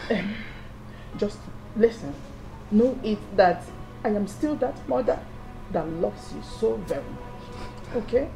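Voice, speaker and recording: A woman's voice: fairly high pitch, vocal fry, darkish tone, heavily acted. A woman with a Nigerian accent playing a middle-aged mother-in-law who scolds hard with jabbing "Eh?"s yet is torn, in a film. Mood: pleading tenderly. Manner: scolding, repeats "Eh?" as a jab. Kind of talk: Nollywood film acting.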